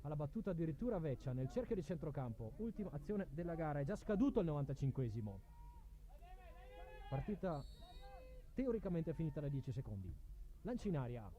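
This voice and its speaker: A man's voice: on the high side, very animated, brisk, long pauses, mellow. A man calling a live football match play by play, calling players' names in short bursts. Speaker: football commentator.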